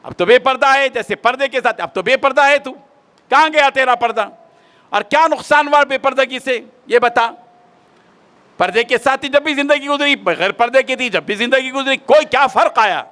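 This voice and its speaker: A middle-aged village husband sneers and taunts in a raised voice, played by a preacher telling a story. He pitches it high, and his tone is bright and sharp. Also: moderate pace, big-room sound. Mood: mocking. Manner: scornful, raised voice.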